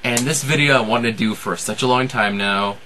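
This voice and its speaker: A man in his twenties hosting a casual how-to vlog, explaining things informally and a little haltingly, step by step. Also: mid-range voice, sharp tone, slight background noise. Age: 20s. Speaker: amateur impressionist and video host.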